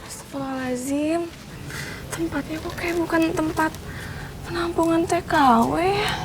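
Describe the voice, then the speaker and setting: A woman's voice: extremely high pitch, normal speed, background noise. An actress playing a young woman graduate who is anxious and trapped, speaking in a pleading way. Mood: uneasy. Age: young adult.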